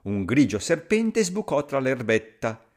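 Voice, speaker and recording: A man reading a rhyming children's story aloud in a sing-song, expressive way. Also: medium pitch, measured pace.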